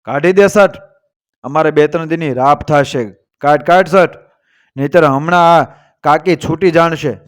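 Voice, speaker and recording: A man's voice: fairly high pitch, measured pace, clean tone, natural voice. A man voicing a threatening male outlaw horseman who makes harsh demands. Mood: menacing.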